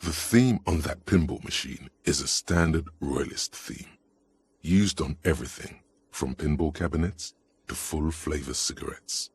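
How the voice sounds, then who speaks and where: A very deep, wry game narrator. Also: male voice, unhurried, husky, heavily acted. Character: grave male narrator of a detective game. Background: faint game music.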